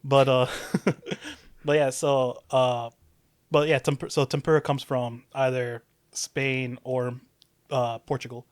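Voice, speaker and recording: Young dude on a podcast, dry close mic, laid back, lots of um and restarts. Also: male voice, medium pitch, little pitch movement, slow pace, clear, resonant tone, no room sound. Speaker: podcast co-host. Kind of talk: casual chat.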